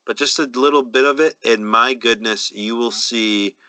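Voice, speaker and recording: A man's voice: medium pitch, bright, forceful tone, no room sound, poor audio. A man, co-hosting a casual chat and confidently handing out cooking advice. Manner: confident, advice-giving, drawn-out emphasis. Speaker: podcast co-host.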